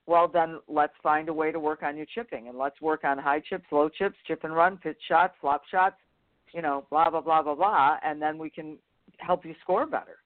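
A woman's voice: low voice, normal speed. A woman golf instructor co-hosting a show, talking frankly and bluntly in casual chat. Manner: frank, blunt teaching talk. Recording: tinny phone-like sound.

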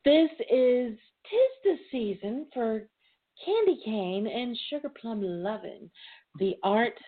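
A woman's voice: fairly high pitch, expressive, slow. A woman hosting a call-in talk show in a chatty, playful, informal way. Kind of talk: casual chat. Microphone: phone line. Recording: tinny phone line with noise.

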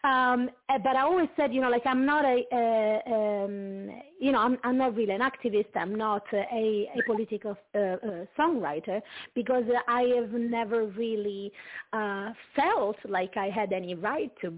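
A woman from Italy with an Italian accent, a singer-songwriter speaking as a guest in a casual interview, talking haltingly with many fillers and restarts. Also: fairly high pitch. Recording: tinny phone-like call audio.

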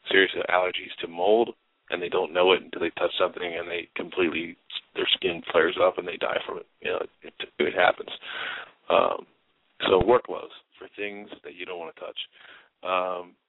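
Sitting low in pitch, this man hosts a relaxed advice chat and emphasizes important words by repeating them. There's no room sound; the audio is dry with a narrow, phone-like quality.

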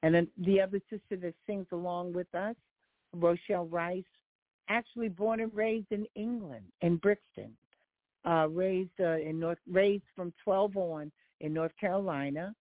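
A woman's voice: on the low side, unhurried, no room sound. An older woman from Philadelphia, a guest singer, talking in a friendly, chatty way with many fillers during a call-in radio interview. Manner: friendly, talkative, lists details with many fillers. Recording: dry, tinny phone line.

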